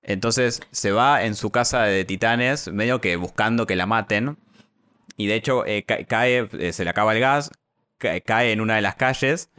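A man's voice: on the low side, normal speed, sharp tone, clean tone, no echo. A man with an Argentine accent, chatting casually and recapping a story with many fillers and restarts. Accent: Argentine Spanish. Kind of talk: casual chat.

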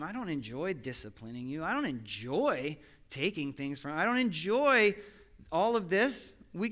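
Middle-aged male pastor, high bright voice, animated sermon storytelling. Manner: animated storytelling, quotes his son and God in lively asides.

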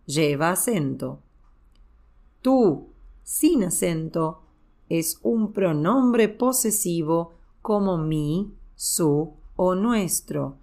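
A woman presents a scripted grammar lesson at an extremely unhurried pace, spacing her words out carefully. Her voice sits fairly low for a woman, yet it moves up and down a lot, lifting and dropping on each example. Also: animated, darkish tone. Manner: slow, deliberate, clearly enunciated teaching delivery. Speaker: Spanish teacher and podcast host.

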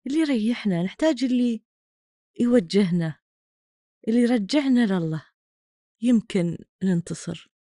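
A woman's voice: a little high, animated, moderate pace, pauses often, dark tone, no echo, clean studio sound. A woman hosting a podcast, commenting on clips in a mocking, exasperated way. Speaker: podcast host reacting to clips. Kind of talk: sarcastic commentary.

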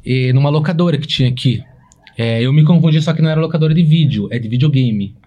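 A man's voice: on the high side, fast talker. A man, telling a story in a casual chat and acting out the people in it. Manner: animated storyteller, acts out quoted voices.

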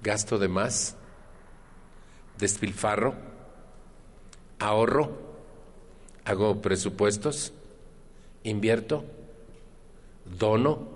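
A man with a Mexican accent giving a personal testimony at a support group meeting, chatting with the room, often asking questions and using earthy slang. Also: lowish voice. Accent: Mexican Spanish. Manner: conversational, asks the audience questions.

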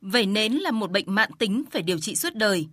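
A woman reporter reading scripted news narration in a steady, formal way. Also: mid-range voice, fairly quick, no echo, clean studio sound.

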